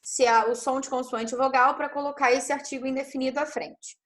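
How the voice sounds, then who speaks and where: A woman's voice: high-pitched, steady tone, brisk, fairly bright tone. A woman teaching an English grammar class online over a video call, explaining step by step and checking in with frequent tag questions.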